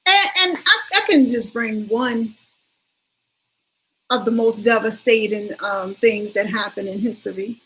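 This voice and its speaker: A woman's voice: on the high side, unhurried, sharp tone, poor audio. Chatty woman rambling on a livestream. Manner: rambling, chatty, addresses viewers directly. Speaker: livestream host. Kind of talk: casual livestream chat.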